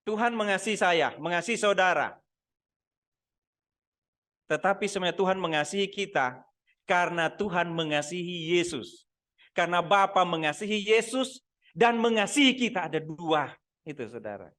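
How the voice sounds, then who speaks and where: Higher-pitched pastor preaching by video call. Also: male voice, animated, normal speed, pauses often, a bit bright. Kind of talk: sermon.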